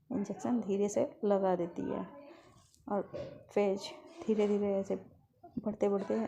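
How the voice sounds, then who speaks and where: A woman's voice: medium pitch, vocal fry, dark tone, slight background noise. A woman casually retelling a romance story as the channel's storyteller, in an informal, repetitive way.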